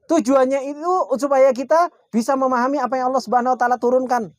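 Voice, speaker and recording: A man teaching a religious study class. He asks rhetorical questions and answers them himself, and he slows down for Arabic quotes. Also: very high voice, fairly even intonation, dry recording, clean studio sound. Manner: keeps addressing listeners as "Pak"; slows down when reciting Arabic quotations. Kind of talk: Islamic study lecture.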